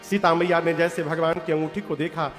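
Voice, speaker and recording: High-voiced Purvanchal preacher telling sacred stories. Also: male voice, flat delivery, a little fast. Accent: Purvanchal Hindi. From Purvanchal, India. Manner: folksy, addresses the audience directly. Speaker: devotional katha storyteller. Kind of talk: devotional storytelling sermon with sung verses. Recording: long hall reverb with music.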